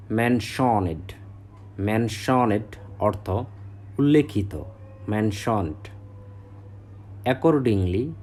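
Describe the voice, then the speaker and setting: A man with a Bengali accent teaching English vocabulary, saying each word, giving its meaning and repeating it slowly. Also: lowish voice, darkish tone. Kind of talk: slow vocabulary drill.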